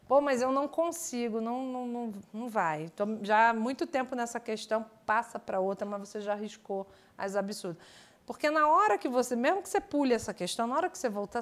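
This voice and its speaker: A woman leads a live online English class. Her voice sits a little high, and she explains things in a chatty way with lively asides. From Brazil. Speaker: English teacher.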